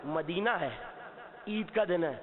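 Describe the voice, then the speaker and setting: A man giving an impassioned sermon to a seated gathering, asking the listeners questions and at times shouting. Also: high-pitched. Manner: impassioned, rising to shouts at key points; asks the audience questions and answers himself. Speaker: Shia cleric giving a majlis sermon. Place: mosque or hall before a seated gathering. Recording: long reverb, tinny phone-like sound.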